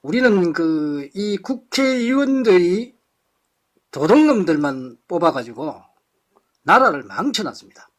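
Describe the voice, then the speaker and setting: A man lectures a live audience with fiery conviction, his voice pitched high and swinging widely as he hammers home rhetorical questions. He speaks bluntly and throws in harsh insults. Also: very animated, measured pace.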